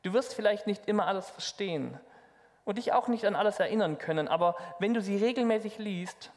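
A man voicing a calm, patient old grandfather in a gentle storytelling tone. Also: high voice, a little fast. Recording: long hall reverb.

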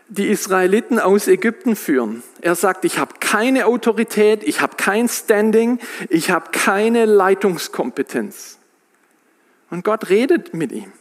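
A man with a high voice delivers a sermon at an unhurried pace. He retells scripture in plain everyday speech and acts out the quotes. Long reverb from a large hall trails after his words. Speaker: preacher.

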